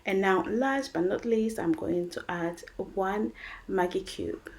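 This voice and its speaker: A woman with a French accent narrates a recipe for her cooking channel, her voice medium in pitch, slow and darkish. Chatty and encouraging, she speaks to her audience as guys and friends.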